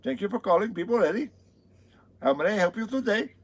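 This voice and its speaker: Man doing a high, swooping call-center agent voice, Indian English accent, sing-song, exaggeratedly polite, husky edge. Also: animated, fairly quick. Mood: overly polite. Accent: Indian English, put on.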